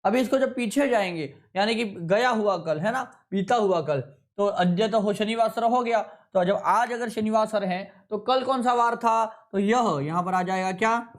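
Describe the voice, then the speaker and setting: A man teaching Sanskrit in a classroom lecture, who speaks, addresses his students as companions and repeats words slowly to drill them. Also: high-pitched.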